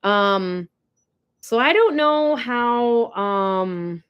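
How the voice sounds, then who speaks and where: A woman's voice: a little high, lively intonation, extremely slow, clean tone, muffled recording. A young woman chatting casually on a ranch livestream, gushing and answering viewer comments. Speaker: livestream host. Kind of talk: casual live chat. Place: ranch barn or home.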